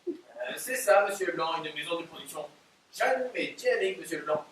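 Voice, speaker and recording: A man's voice: a little high, animated, brisk, fairly bright tone. An actor playing a naive, clumsy, eager man in a stage play, hesitant and easily confused, recorded from far off in a very roomy theatre. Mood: bluffing. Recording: very roomy stage audio from far off, faint noise.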